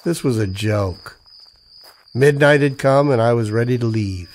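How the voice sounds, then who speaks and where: Acting in an old-time radio drama, a man narrates in first person as a hard-up, wary army veteran and husband caught in a noir misadventure. His mid-range voice is natural and measured, the delivery sardonic and colloquial, with a wry, uneasy mood.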